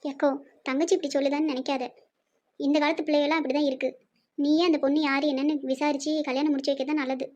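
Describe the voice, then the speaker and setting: A woman voicing a gentle middle-aged village aunt with a Tirunelveli Tamil accent, soft and persuasive. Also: high voice, level tone, fast talker, pitched below the performer's own voice, natural voice. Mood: coaxing. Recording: muffled lo-fi.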